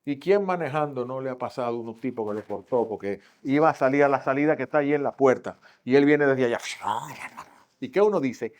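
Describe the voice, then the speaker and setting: A male pastor with a Dominican accent, preaching a Sunday school sermon and acting out the voices he quotes, swinging from loud to hushed. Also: medium pitch, brisk. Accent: Dominican Spanish. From Dominican Republic.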